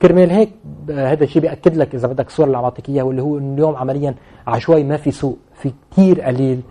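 Lebanese guy, levantine arabic accent, talks super fast, mellow voice, explaining stuff in an interview. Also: mid-range voice. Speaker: interview guest commenting on real estate.

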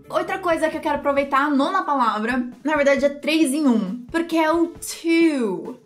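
Upbeat Brazilian woman, bright high voice, teaching English pronunciation and slowing to model words. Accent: Brazilian Portuguese. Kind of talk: pronunciation lesson video.

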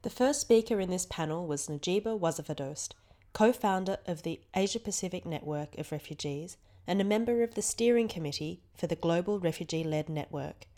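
Woman narrating a podcast intro, lower voice, clear and even read. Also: brisk. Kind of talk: scripted narration.

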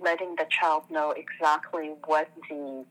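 A woman's voice: sits low, fairly even intonation, a bit bright. Reflective middle-aged woman on a phone line. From born in Tunisia, raised in Algeria, France and the US. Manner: reflective, halting, with fillers and restarts. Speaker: guest. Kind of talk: conversational interview.

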